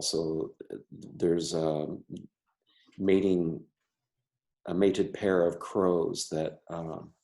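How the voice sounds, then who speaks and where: A man's voice: low-pitched, mellow. A man who stutters, an artist and teacher talking casually in an interview, with many restarts and repeated words. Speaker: member artist.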